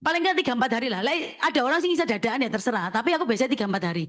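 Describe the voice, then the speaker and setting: A woman, an insurance agency leader briskly coaching listeners and checking in with them as she talks. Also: on the high side, expressive. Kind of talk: sharing tips at a talk session.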